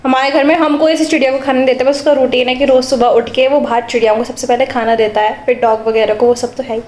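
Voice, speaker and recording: Young woman, home vlogger, high bright voice, giggly storyteller, echoey room, faint hiss. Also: steady tone, fast talker. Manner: giggly, chatty, breaks into laughter telling stories. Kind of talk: casual vlog chat and storytelling. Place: home, kitchen.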